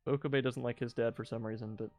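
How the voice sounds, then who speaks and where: A man with a mid-pitched voice reads out a visual novel as its let's play host. He mixes narration with joking commentary, and music plays faintly behind him. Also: steady tone, fast, a little mellow.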